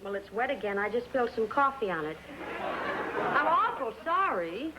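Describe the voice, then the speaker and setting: An actress playing an easygoing, casually unbothered older sister in 1950s sitcom style. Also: female voice, on the high side, sing-song, normal speed, a loud crowd. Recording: noisy old TV soundtrack, loud audience laughter.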